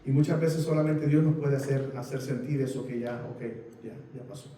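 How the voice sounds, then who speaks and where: Pastor preaching in an echoey room. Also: male voice, mid-range voice, fairly even intonation, warm tone. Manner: halting, repeats words, many fillers. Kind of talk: sermon with congregation sharing. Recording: echoey room picked up from a distance.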